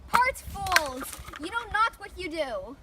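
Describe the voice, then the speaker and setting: A woman's voice: high-pitched, normal speed, natural voice. A female-sounding performer playing an earnest young peacekeeper in an amateur Shakespeare parody. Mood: urgent. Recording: faint background noise.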